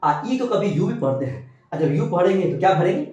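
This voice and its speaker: A man teaching English grammar in an animated classroom-style lesson, drilling with repeated questions and answers and sometimes shouting for emphasis. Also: high voice, a little fast, far from the mic, highs cut off. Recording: very echoey, from off-mic.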